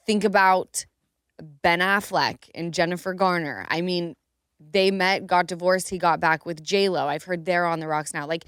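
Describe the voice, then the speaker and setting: A woman hosting a podcast in casual chat, calmly asking questions and steering the talk. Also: fairly low pitch, clear, resonant tone, dry recording, clean studio sound. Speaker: podcast host.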